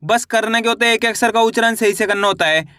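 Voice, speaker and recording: A man with a high, bright voice gives a patient beginner lesson. He keeps asking questions and answering them himself, repeating each point. The sound is close and dry, with no room echo. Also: quick pace. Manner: repetitive, asks and answers own questions. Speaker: Hindi teacher. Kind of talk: online lesson.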